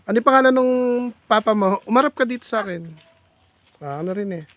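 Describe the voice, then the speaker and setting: A man's voice: sits high, lively intonation, fast, a bit bright, dry recording. A man vlogging outdoors in farm fields, chatting with a child in a playful, teasing, coaxing way. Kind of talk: casual teasing chat with a child.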